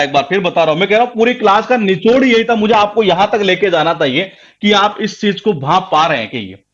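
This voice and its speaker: A man with a high voice teaches a grammar lesson, pressing his students with question after question and repeating each point for emphasis. The sound is dull and lo-fi. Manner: emphatic, repetitive, quizzing students. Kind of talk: live online class lecture.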